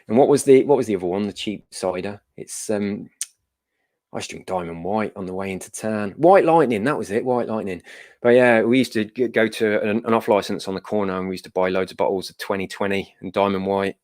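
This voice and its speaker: A middle-aged man hosting a giveaway livestream, chatting casually, answering viewer comments and telling jokey stories. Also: on the low side. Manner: laughing, jokey storytelling.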